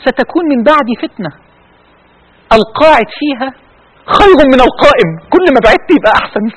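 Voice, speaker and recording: An Egyptian man delivers a sermon at a breakneck clip, his voice sitting very high for a man. He pleads with his listeners, swinging his pitch all over the place, and his voice at times cracks with feeling. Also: animated, quick pace, a bit bright, husky, low-quality recording. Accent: Egyptian Arabic. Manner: impassioned, pleading, voice breaking with emotion. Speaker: preacher.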